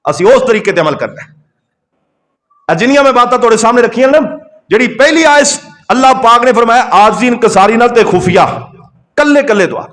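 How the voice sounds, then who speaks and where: High-voiced preacher with a Punjabi accent. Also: male voice, expressive, a little fast, fairly bright tone. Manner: rhythmic, repetitive, rising to emphatic calls. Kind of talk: Punjabi sermon on prayer.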